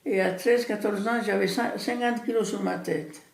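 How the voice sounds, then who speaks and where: A woman in her eighties from Italy, speaking French with an Italian accent as her second language. She tells her story in halting, simple sentences and often repeats words. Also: mid-range voice, creaky. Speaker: interviewee recounting her immigration. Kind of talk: personal storytelling. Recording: echoey room.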